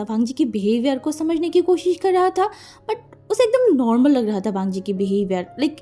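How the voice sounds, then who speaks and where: Mellow woman narrating fan fiction casually. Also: a little high. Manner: chatty, explains asides to listeners. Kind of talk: casual storytelling in mixed Hindi and English.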